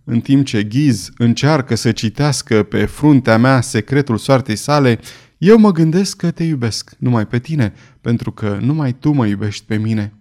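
A man's voice: medium pitch, a little mellow, natural voice. A man voicing a fearful, feverish young king who pleads with his beloved, in an audiobook reading. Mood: tender. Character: anxious young male king, fearful and frail.

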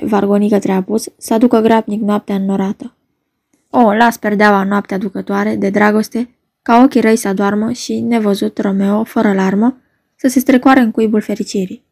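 A woman's voice: a little high, warm tone, no echo, clean studio sound. A woman reading the part of a young girl longing for her beloved, in lyrical verse. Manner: lyrical, yearning delivery. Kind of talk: dramatic reading of a play.

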